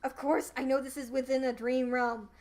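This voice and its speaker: A woman's voice: high voice, little pitch movement, moderate pace, a little mellow. A woman playing an exasperated, dramatic man trapped in a fantasy world, in a novel read-aloud. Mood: impatient, sarcastic. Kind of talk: voiced character in web novel read-aloud.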